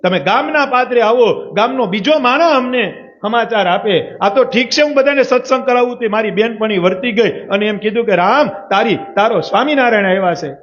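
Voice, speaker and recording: A man's voice: very high-pitched, fairly quick, few pauses, fairly bright tone. A man voicing a devoted village woman who earnestly pleads with her lord. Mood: pleading. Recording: muffled lo-fi recording.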